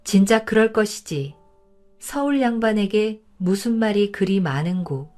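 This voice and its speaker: A woman's voice: medium pitch, expressive, measured pace, a little mellow, soft background music, close to an everyday voice. A woman voicing an arrogant young male scholar from the capital who scolds and then begs. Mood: haughty. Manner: haughty scolding, then begging.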